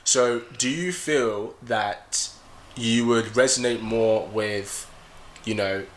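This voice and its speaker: A young man taking part as a guest in a casual debate, reasoning aloud in a measured way and putting questions back to his host. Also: lowish voice, a little hiss or hum, low-quality recording. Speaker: guest youtuber.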